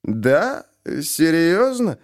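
A man's voice: on the high side, big pitch swings, very slow, voice pushed up, exaggerated voice. A man voicing a drunk male police captain who slurs and recites poems theatrically. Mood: tipsy. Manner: slurring, theatrical poetry recital. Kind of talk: audiobook character voice.

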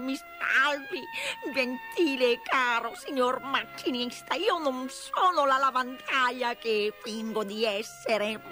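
A woman voicing a boastful male toad disguised as a washerwoman, wailing and self-pitying in a slow, sobbing way for a storybook reading. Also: high-pitched, pushed and bright, voice pushed up, exaggerated voice.

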